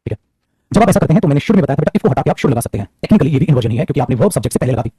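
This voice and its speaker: A male teacher giving an animated grammar lecture to students, talking fast and calling them beta. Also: mid-range voice, slightly rough, no echo.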